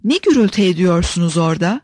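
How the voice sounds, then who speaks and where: A woman reads as a stern, outspoken older lady in an audiobook. Her deep, full voice carries across the table with ease. The read is dry and close. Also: lively intonation, fast talker, a little mellow, breathy edge, no room sound. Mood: scolding.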